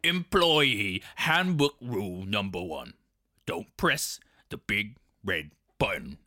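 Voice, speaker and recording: A man voicing a gruff, suspicious middle-aged male power plant worker who growls his lines. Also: mid-range voice, very animated, normal speed, pushed and bright, dry recording, clean studio sound, voice pushed up. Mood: growling.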